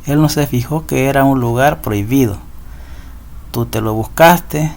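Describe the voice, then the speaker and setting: Speaking with a Central American Spanish accent, a man teaches a recorded lesson, patiently repeating rules and often asking his students ¿verdad?. His voice is medium-pitched and darkish, a little slow, with vocal fry.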